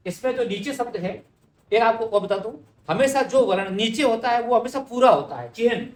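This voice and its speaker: A man's voice: extremely high pitch, lively intonation, normal speed, reverberant. A man teaching correct Hindi spelling, explaining each word patiently and speaking directly to his students.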